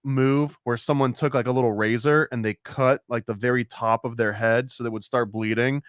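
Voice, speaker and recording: A man with a mid-pitched voice chats on a podcast, rambling along with plenty of "like" and frequent laughs. The sound is dry and close, with no room echo. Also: steady tone, fairly quick. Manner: rambling, chatty, laughs often, filled with "like". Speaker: podcast co-host. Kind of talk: casual podcast chat.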